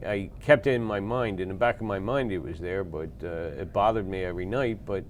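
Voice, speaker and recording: A man in his sixties from Philadelphia, a veteran recounting war memories in a plain-spoken, halting way with pauses and fillers. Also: sits low, slight background noise. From Philadelphia, USA. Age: 60s. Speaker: veteran interviewee.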